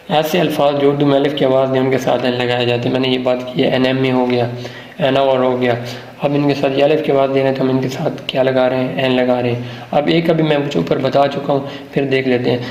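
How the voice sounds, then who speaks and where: A man's voice: mid-range voice, darkish tone. Man teaching grammar in an echoey room. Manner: explains, then poses questions to the viewer and answers them himself; reads English example sentences slowly and deliberately. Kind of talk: classroom-style grammar lesson.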